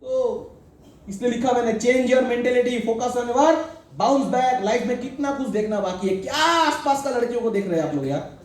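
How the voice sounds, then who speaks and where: A man's voice: very high-pitched, normal speed, recorded from a distance. Middle-aged man preaching in an echoey hall. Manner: preachy, asks the crowd questions, jokes. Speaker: motivational speaker addressing a sales team. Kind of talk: motivational talk to an audience.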